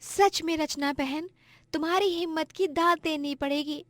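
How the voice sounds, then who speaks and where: Cartoon village woman, earnest and encouraging, high voice, voiced by a woman. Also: steady tone, measured pace, fairly bright tone, no room sound. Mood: admiring. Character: admiring village woman customer.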